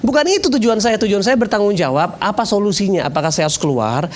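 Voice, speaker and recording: High-voiced joking male pastor. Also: quick pace, a little hiss or hum. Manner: lively, joking, self-mocking. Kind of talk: storytelling sermon.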